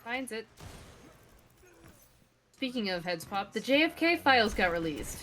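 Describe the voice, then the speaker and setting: A woman doing color commentary on an esports match, playful and quick with jokes. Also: on the high side, very animated, fairly bright tone. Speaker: esports caster.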